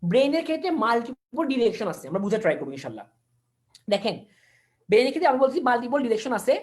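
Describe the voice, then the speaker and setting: Sing-song, rapid-fire and a little mellow, this woman's fairly high voice carries an online anatomy lesson. As the lecturer, she alternates languages for technical terms, repeats the key words and keeps quizzing her listeners.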